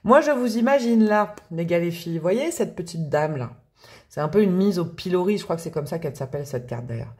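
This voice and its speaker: A woman's voice: on the low side, animated, fairly quick, a little mellow. A woman giving a casual, chatty tarot reading, often hesitating and repeating her words. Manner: chatty, hesitant, repeats words, laughs and hums song lines. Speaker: tarot reader.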